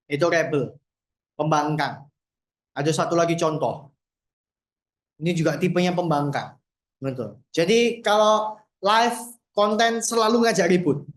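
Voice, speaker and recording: A man's voice: fairly high pitch, measured pace, long pauses. Casual male trainer in an echoey room. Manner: casual, quizzes the audience. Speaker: workshop trainer. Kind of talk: workshop lesson.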